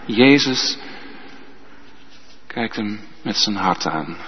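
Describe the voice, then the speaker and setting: A man preaching a sermon as pastor, slow and emphatic, often ending points with a tag question. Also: lowish voice, animated, slight background noise. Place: church. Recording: dull sound with long church reverb.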